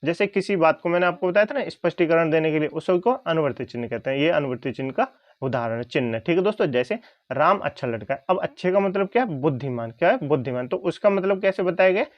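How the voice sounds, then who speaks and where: A male teacher giving an exam-prep lesson, who asks his own questions and then answers them, rising on each check and dropping low on the answer. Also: lively intonation, fast, dry recording, dull audio.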